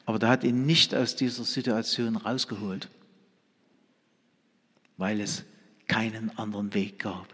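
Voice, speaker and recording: A man preaching a sermon to a congregation, moving between loud, stressed phrases and hushed whispers. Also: lowish voice, flat delivery, unhurried, pauses often, husky. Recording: long reverb of a large hall.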